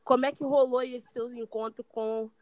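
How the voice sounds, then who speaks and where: A woman's voice: on the high side, steady tone, moderate pace, muffled recording, crowd noise. Upbeat woman hosting a chat. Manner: enthusiastic, upbeat interjections. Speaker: podcast host. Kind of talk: casual interview.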